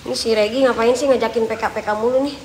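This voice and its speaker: A young woman live-streams her exploration of a haunted, abandoned house, nervously muttering prayers and talking slang with her viewers. Her voice is a little high and a little mellow, steady in tone but racing in pace. The indoor audio is echoey, with the reverb of an empty building and faint noise.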